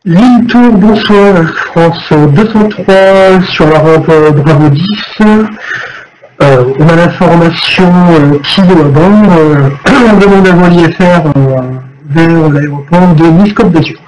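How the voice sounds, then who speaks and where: Higher-voiced male pilot over headset radio. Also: takes it slowly, a little mellow, faint music behind. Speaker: airline pilot in online flight simulation. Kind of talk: radio clearance request and readback. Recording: faintly noisy radio transmission.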